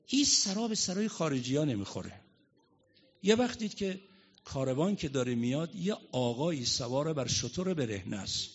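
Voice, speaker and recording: A man with a high voice preaches a mourning sermon in a hall. He tells the story with rising passion and slips into slow, drawn-out chanting. The recording sounds dull and muffled. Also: breathy edge.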